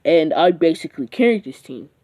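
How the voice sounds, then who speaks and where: A cocky young boy ninja, as a fan narrator puts him on, brags offhandedly about how good he is. The voice is mellow and a little dark, at an ordinary middle pitch. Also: expressive, fairly quick, natural voice. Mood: boastful. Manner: boastful, offhand.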